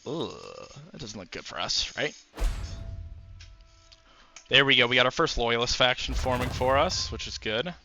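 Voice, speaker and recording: A man's voice: mid-range voice, sing-song, measured pace, vocal fry, long pauses, bright, forceful tone, slight background noise. A man giving casual commentary while playing a strategy game, musing aloud with frequent fillers. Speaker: gameplay commentator.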